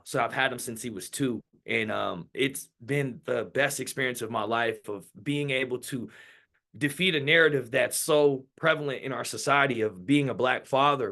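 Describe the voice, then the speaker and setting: Workshop speaker, man in his thirties, mid-pitched, candid, loose storytelling. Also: a bit bright. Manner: candid, loose storytelling with many fillers and restarts. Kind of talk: personal story in a workshop talk.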